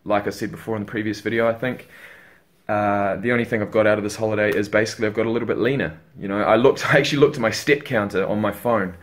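A young man with a somewhat low voice talks casually and tiredly into a webcam at home. He rambles loosely and swears offhandedly, like a regular fitness vlogger catching his viewers up. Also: fairly even intonation, fast. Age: young adult. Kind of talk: casual vlog chat. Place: bedroom at home, indoors.

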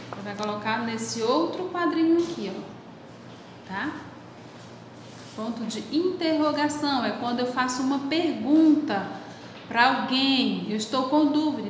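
A woman teacher talks young pupils through a lesson, unhurried and patient, and affectionate toward them. Her voice sits high. The recording rings with a long, roomy reverb and a faint hiss behind it. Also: a bit bright. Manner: patient, explains step by step. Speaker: primary school teacher. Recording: very echoey room with long reverb.

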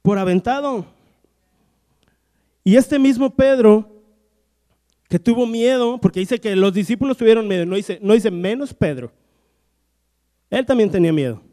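A pastor preaches with a high, mellow voice, breaking into little acted-out scenes as he retells the stories. His words ring through a large hall with a long reverb. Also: expressive, normal speed, pauses often. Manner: storytelling preacher acting out Bible dialogue. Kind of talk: sermon. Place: church hall.

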